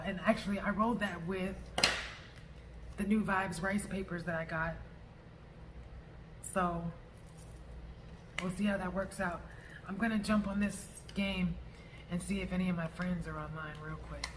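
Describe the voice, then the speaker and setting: Blunt, assertive vlogger with noisy background. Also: mid-range voice. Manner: casual speech with profanity. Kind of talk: personal vlog monologue addressed to a former friend.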